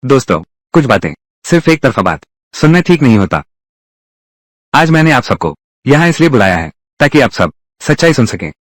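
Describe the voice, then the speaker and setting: Brief: a young heir, commanding, formal delivery, lively pitch, dry close recording. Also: male voice, normal speed, pauses often, no room sound. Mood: firm. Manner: formal, declarative speech. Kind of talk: dubbed drama dialogue.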